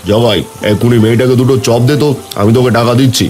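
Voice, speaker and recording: A man's voice: mid-range voice, fairly even intonation, very fast, darkish tone, faint music behind, lightly acted. A man voicing a kindly but firm village headman who is also a poor fisherman. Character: kind middle-aged village headman and fisherman.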